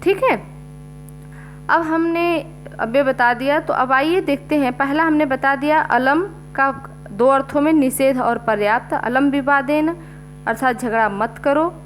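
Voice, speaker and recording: Slow-speaking woman teacher. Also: sits high, faint music behind, poor audio. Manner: repeats "ठीक है" often, explains step by step. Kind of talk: slow classroom explanation. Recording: faint mains hum.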